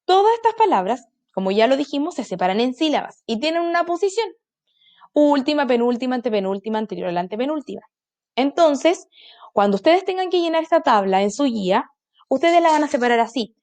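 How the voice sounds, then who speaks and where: A woman's voice: high-pitched, darkish tone. A woman teaching a primary school class. She drills one pattern again and again and stretches out every syllable of her example words. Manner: slow, exaggerated stress on example words; repetitive call-and-answer drilling. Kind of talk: recorded online class.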